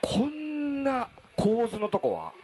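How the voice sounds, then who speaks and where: A man's voice: very high voice, wildly swooping pitch, slow, crowd noise. A man with a Kansai accent co-hosting a casual podcast in an izakaya, joking and rambling in an exaggerated way. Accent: Kansai dialect. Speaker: podcast co-host. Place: busy izakaya.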